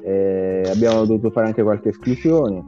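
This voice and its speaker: A man casually announcing a team list, with banter, halting over foreign names. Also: fairly low pitch, steady tone, mellow. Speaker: team staff member announcing a squad. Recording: dull, lo-fi audio. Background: music.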